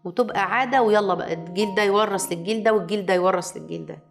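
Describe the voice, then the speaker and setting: A woman with an Egyptian accent giving a lively advice lecture to viewers, acting out quoted people as she talks. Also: mid-range voice, racing, gravelly, faint music behind. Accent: Egyptian Arabic. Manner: animated, acts out quoted voices. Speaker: family advice speaker.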